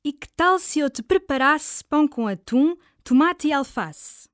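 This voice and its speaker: Brief: gentle mother, played by a woman, European Portuguese accent, lively high voice, dry studio sound. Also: unhurried, dry recording. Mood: motherly. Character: caring mother talking to her son. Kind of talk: scripted dialogue for a listening test.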